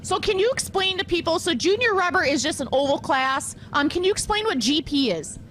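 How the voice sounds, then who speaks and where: A woman's voice: very high voice, animated, a little fast, fairly bright tone. An American woman with a bubbly, informal manner, doing a casual interview as a reporter outdoors, breathing in cold air. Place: outdoors in the cold at a frozen lake. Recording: outdoor generator hum and noise. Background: generator running.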